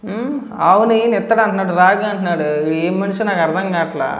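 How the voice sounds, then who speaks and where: Man, political commentator, high voice, sarcastic scolding reaction, reverberant room. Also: rapid-fire, fairly bright tone. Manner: scolding, sarcastic, addresses the man in the clip directly. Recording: echoey room with long reverb.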